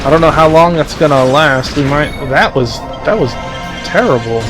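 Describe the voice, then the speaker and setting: A man in a relaxed, chatty gameplay commentary, his voice a little higher than most men's. He rambles between fights and reads out the on-screen dialogue, with clear game music running underneath. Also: normal speed. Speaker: let's play host.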